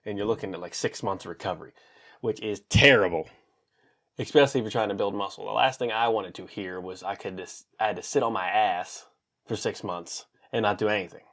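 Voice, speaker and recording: A man in his thirties telling a personal story to camera in a casual, animated way, acting out what people said. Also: a little fast. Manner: animated, acts out quotes with big pitch jumps. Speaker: vlogger.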